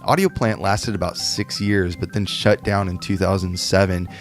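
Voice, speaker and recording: A man's voice: sits low, moderate pace, faint music behind. A man co-hosting a podcast in casual, chatty talk with plenty of fillers. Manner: relaxed, chatty, with many fillers. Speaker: podcast co-host. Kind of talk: casual chat.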